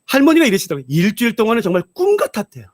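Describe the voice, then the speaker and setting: A male pastor preaches at a revival, telling stories with animated energy. His voice is very high and swings widely, and it sounds close and dry. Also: racing, no echo. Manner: animated storytelling, acts out voices. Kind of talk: revival sermon.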